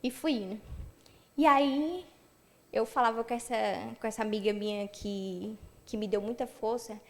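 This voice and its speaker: A young woman giving a personal testimony at church, telling her story with lively acted-out dialogue. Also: on the high side, moderate pace.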